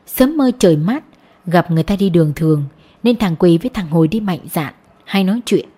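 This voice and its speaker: A woman narrating a novel as an audiobook, reading in a steady, even manner. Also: lowish voice, breathy edge. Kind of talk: storybook narration.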